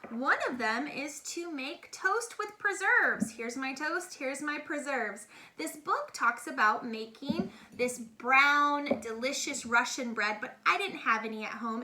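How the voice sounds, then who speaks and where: In a homemade recording, a middle-aged woman with a high, sharp voice hosts a read-aloud for children. She talks casually and with enthusiasm, explaining things simply in an educational chat aimed at kids.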